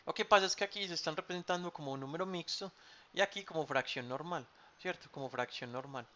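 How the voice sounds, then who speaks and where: Male math teacher, bright voice, dull lo-fi mic, patient and repetitive. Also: a little high, fast, a little hiss or hum. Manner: patient, repeats key terms with frequent ¿cierto?. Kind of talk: online math class. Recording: dull lo-fi sound.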